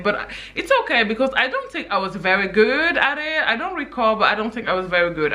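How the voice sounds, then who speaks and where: Young woman from senegal chatting to camera, bright voice, lively and chatty, loads of "you guys". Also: fairly high pitch. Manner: animated, addresses viewers as "you guys", frequent laughs and asides. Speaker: YouTuber. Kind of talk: casual chatty vlog storytelling.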